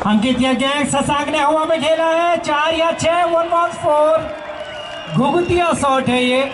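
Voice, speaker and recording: A man calls a cricket match in a high, excited voice that often rises to a shout. His words bounce around an echoing outdoor stadium, picked up from a distance. Crowd chatter and steady noise sit underneath. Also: takes it slowly. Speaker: cricket commentator. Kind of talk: live match commentary over a public address.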